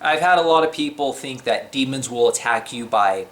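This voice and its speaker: Man of ordinary pitch, slightly shaky voice, casual off-the-cuff faith talk to camera. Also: expressive, moderate pace, fairly bright tone. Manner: chatty, unscripted, with many fillers and restarts.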